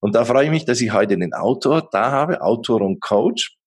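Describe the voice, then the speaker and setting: A man's voice: mid-range voice, animated, normal speed, husky. A middle-aged man hosting an interview podcast, talking hesitantly with many fillers and restarts. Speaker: podcast host.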